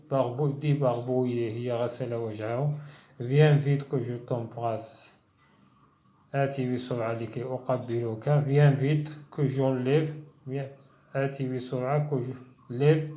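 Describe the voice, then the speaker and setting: A man teaching a bilingual reading lesson, reading each phrase slowly and deliberately before translating it. His voice is mellow and unhurried, and the room has a noticeable echo. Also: medium pitch. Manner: reads French slowly, then translates quickly. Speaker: French teacher. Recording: echoey room.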